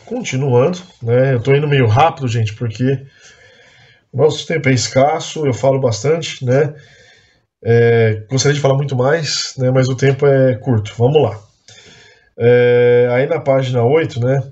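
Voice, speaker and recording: With a mellow, medium-pitched voice whose highs are cut off, a man from Brazil leads an adult Bible class at church. He admonishes earnestly but conversationally, peppering his talk with fillers and tag questions.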